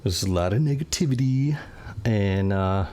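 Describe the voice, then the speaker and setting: A man's voice: lowish voice, expressive, normal speed, dark tone. Laid-back man hosting a movie review. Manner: easygoing, rambling with fillers. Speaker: podcast host. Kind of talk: casual movie review chat.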